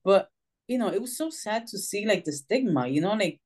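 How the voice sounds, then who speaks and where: A mid-range voice at moderate speed belongs to this middle-aged Puerto Rican social worker and author, who animatedly relates her story in an interview and impersonates the voices she quotes.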